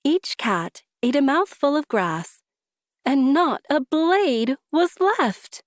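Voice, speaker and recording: A woman reading a children's story aloud with deliberate, rhythmic, emphatic phrasing. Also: sits high, expressive, dry recording, studio quality. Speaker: storybook reader. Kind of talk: expressive children's story narration.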